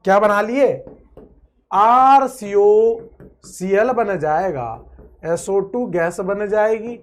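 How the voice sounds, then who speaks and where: A man teaching a chemistry lecture with energy and playfulness. He stretches out words, chants repeated phrases, and swings between loud outbursts and quiet asides. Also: sits high, takes it slowly. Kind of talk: online exam-prep lecture.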